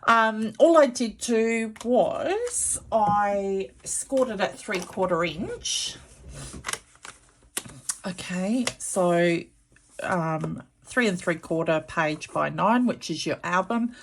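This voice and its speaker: A woman's voice: mid-range voice, lively intonation, takes it slowly, a little hiss or hum. A woman hosting a casual craft tutorial in a chesty, congested voice, chatting informally and apologetically as she explains things to viewers. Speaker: craft channel host.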